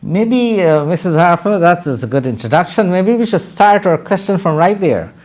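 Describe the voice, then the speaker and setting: A man's voice: sits high, very animated, normal speed, darkish tone. Formal male TV interview host. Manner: formal, hesitant questioning. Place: TV studio.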